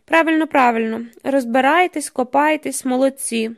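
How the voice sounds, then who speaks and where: A woman's voice: high-pitched, normal speed. A woman reading the part of a chain-smoking male journalist who talks in an ironic, lecturing way. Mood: mocking.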